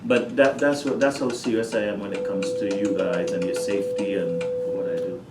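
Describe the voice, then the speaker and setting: A middle-aged man from Trinidad, a high school principal, telling lively stories about his students in a casual interview. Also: a little fast, over loud music. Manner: animated storyteller, acts out his talks with students. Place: school office. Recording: echoey room, distant mic.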